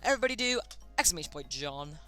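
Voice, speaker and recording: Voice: medium pitch, sing-song, fast talker, bright, forceful tone, faint music behind. A streamer casually hosting a chat game live, chatty and often tripping over words.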